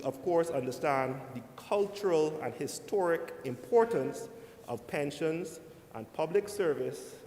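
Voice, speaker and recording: Echoey formal senator speech from a man. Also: a little mellow. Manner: measured, deliberate address to the chair, frequently saying "sir". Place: large indoor legislative chamber. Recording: echoey hall, rumbling background noise.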